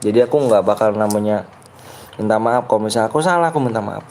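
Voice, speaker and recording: A man's voice: lowish voice, quick pace, a little mellow, a little hiss or hum. Young man streaming in slang. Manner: argumentative and teasing, often laughing. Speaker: live streamer hosting custom game rooms. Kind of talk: casual live-stream chat.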